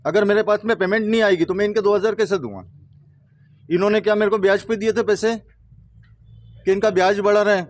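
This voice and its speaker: A man's voice: high-pitched, steady tone, fast talker, pauses often. A man, an employee, making an aggrieved, insistent statement to reporters. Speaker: complaining employee. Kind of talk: interview statement.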